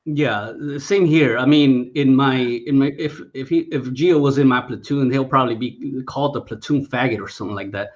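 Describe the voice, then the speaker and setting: A man's voice: medium pitch, brisk, hardly any pauses, dull audio. A man in casual chat, swearing heavily and laughing often while telling army stories. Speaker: veteran discussion guest.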